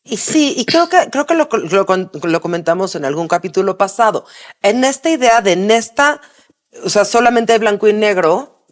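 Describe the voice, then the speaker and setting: A woman's voice: medium pitch, animated, moderate pace. A woman, co-hosting a podcast and making her points emphatically. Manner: emphatic, argumentative. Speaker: podcast co-host. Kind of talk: conversational podcast.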